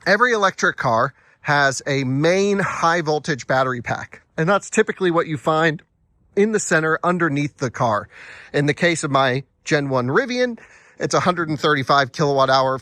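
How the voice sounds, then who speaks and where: A man's voice: on the high side, bright, forceful tone, no room sound. A man hosting a casual explainer vlog, chatty and restarting words, talking through the hiccups. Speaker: channel host.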